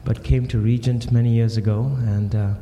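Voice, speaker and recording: A man from Singapore introduces himself plainly and briefly. His voice is very dark and flat in melody. He is recorded in a roomy, echoing hall with a faint hum behind him. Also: mid-range voice, normal speed. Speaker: college education director. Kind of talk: panel self-introduction. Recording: echoey hall with faint noise.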